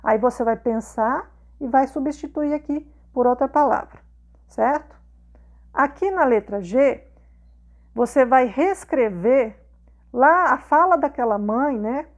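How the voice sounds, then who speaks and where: A woman teacher with a Brazilian Portuguese accent explains a worksheet in a recorded video lesson. Her voice sits high, and she talks patiently, repeating questions and checking in with her students after nearly every sentence. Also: expressive, slow. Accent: Brazilian Portuguese, not southern.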